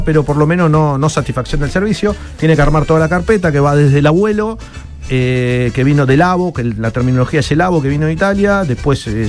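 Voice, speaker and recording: A man from Italy, a radio guest who explains citizenship matters with many restarts and repeated words. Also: on the high side. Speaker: guest advisor on Italian citizenship.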